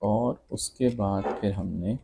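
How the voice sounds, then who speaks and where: A man's voice: fairly low pitch, slow pace, vocal fry, background noise. A man teaching physics, working through exam questions step by step and calling his students "beta" and "bhai". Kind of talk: exam solution walkthrough lesson.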